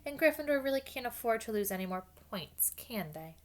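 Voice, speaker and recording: Woman doing sneering creepy teacher guy, smooth and threatening, storybook read. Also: fairly high pitch, lively intonation, brisk, voice pushed up, lightly acted. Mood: menacing. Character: sneering, menacing male professor.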